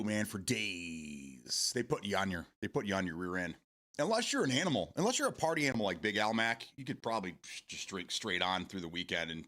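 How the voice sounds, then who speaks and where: A man's voice: sits low, bright, forceful tone. A man in his forties hosting a casual morning stream, rambling, repeating words and swearing casually as he answers viewer comments. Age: 40s.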